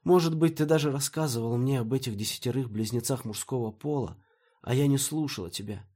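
A man's voice: medium pitch, sing-song, normal speed, darkish tone, slightly rough, voice pushed up. A man reading an audiobook, voicing an anxious, pleading young woman in a dream with urgent, emotional delivery. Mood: tearful. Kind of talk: audiobook character voice.

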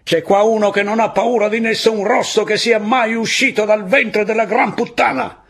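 A man playing an exalted, fanatical army captain who shouts at his soldiers in an audiobook reading. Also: mid-range voice, sing-song, normal speed, husky, voice pushed up. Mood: shouting furiously.

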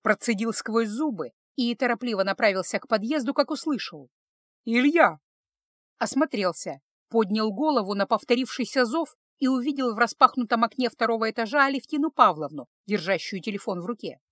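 A woman narrating a dramatic story in an expressive, emotional way. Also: fairly high pitch, fairly quick, hardly any pauses, no room sound, clean studio sound. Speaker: audiobook narrator.

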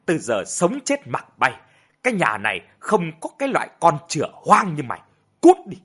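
Man voicing enraged older father, shouting, cursing, husky voice, wildly swinging pitch. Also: huge pitch swings, moderate pace, full character voice. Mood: furious. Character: furious rich village father, older man.

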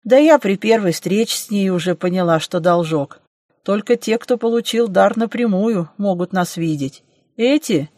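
A woman's voice: medium pitch, moderate pace, a little mellow, no room sound, studio quality, natural voice. A woman voicing a grumpy, fussy old hunchbacked gatekeeper in an audiobook, scolding in a bureaucratic way. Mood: grumbling. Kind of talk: audiobook reading.

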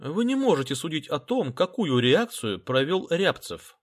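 A man's voice: fairly high pitch, very animated, moderate pace, voice pushed up. A man voicing a composed, contemptuous woman schoolteacher. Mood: scornful. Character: cool, haughty woman schoolteacher.

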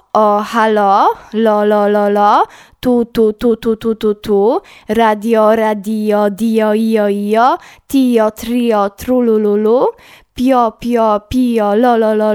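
A woman's voice: mid-range voice, level tone, drawn-out words, a little mellow, clear, resonant tone. A woman voicing a nightingale that trills and chatters sing-song syllables in a storybook poem. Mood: singsong. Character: trilling chattering nightingale broadcasting on bird radio.

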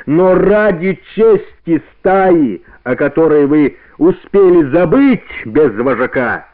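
A man voicing an aging, proud male wolf leader in a radio play, speaking in a measured, dignified way on a narrow-band old radio recording. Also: a little high, expressive, pitched above the performer's own voice. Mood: stern, solemn. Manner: measured, dignified, rising to solemn force.

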